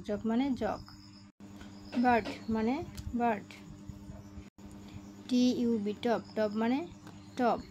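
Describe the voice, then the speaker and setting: A woman talks a young class through a textbook lesson, slightly high in pitch. She spells out each word, repeats every step and keeps checking that her listeners follow along. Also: mellow, highs cut off, a little hiss or hum. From Bangladesh. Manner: explains slowly, repeats each step, asks "ঠিক আছে?" often. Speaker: teacher.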